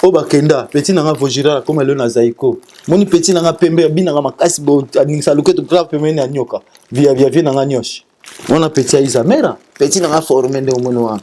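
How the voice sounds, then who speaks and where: A man's voice: on the high side, dark tone. A man, a singer interviewed as a guest, talking casually and sending greetings, often stumbling over repeated syllables. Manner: halting, repeats syllables and restarts.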